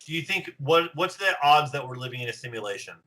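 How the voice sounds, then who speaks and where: A man's voice: a little high, lively intonation, fast, sharp tone. A man chatting casually on a podcast in a blunt, slangy, sweary way. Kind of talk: casual chat.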